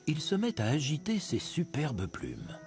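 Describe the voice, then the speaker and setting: Expressive male nature documentary narrator, lively pitch. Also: unhurried. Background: music bed behind the voice.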